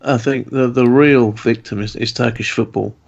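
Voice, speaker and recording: A male podcast co-host making a measured argument in a casual discussion. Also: mid-range voice, fairly even intonation, vocal fry. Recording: dull lo-fi sound.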